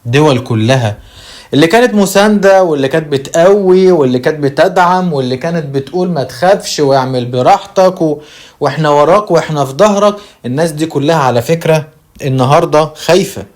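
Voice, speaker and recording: Emphatic Egyptian man, fairly high. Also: darkish tone. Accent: Egyptian Arabic. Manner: emphatic, slows for stress. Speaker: channel host. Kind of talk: commentary on news quotes.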